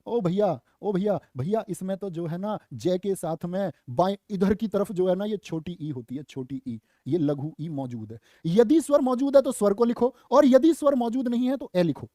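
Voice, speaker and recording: Young male grammar teacher, high mellow voice, dry close sound, playful quizzing delivery. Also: moderate pace, hardly any pauses, no room sound. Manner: lively, questions students and answers himself; playful asides and jokes. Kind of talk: exam-prep Hindi grammar lesson.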